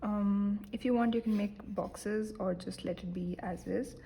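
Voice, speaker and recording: A young woman giving a relaxed painting lesson, chatty and self-deprecating, with many fillers and soft whispered asides. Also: medium pitch, unhurried, vocal fry, a little hiss or hum, rough recording. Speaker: art teacher. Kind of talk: casual painting tutorial.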